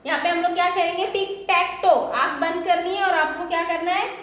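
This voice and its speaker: High-voiced teacher in an echoey room. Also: female voice, steady tone, a bit bright. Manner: slow, drawn-out English lines, brisk Hindi explanations; has the class repeat words after her, sings short rhymes. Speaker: school teacher. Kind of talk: online English lesson in Hindi and English. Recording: very echoey room, faint hiss.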